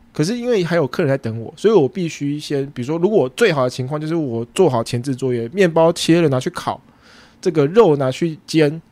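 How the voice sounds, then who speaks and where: A man with a Taiwanese Mandarin accent, hosting a podcast and casually retelling a story, acting out bits of dialogue with sudden jumps in pitch. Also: a little mellow, dry recording. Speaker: podcast host and food truck owner.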